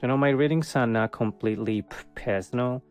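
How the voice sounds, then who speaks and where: A man's voice: mid-range voice, brisk, a little mellow, soft background music. A man giving a casual monthly tarot reading, hesitant and full of fillers, with a wry, sarcastic streak and frequent laughs. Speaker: tarot reader.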